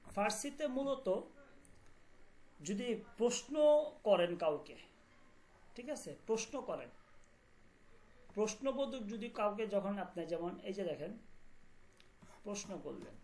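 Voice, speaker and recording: A woman teaching a language class online, explaining words slowly and often asking whether students follow. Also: mid-range voice, big pitch swings, darkish tone. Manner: repeats words and checks understanding often.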